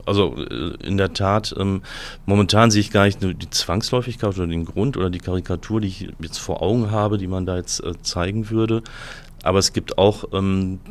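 Low male voice, hesitant and careful interviewee. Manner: hesitant, many fillers. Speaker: museum director. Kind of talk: interview answers.

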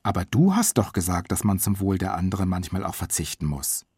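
An earnest, guilt-ridden young boy telling his own story, read by a man voicing his own book. The delivery stays calm and plain, with a husky texture and a lively rise and fall. The sound is close and dry. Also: low-pitched, brisk, no echo, full character voice. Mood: timid. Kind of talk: audiobook reading by the author.

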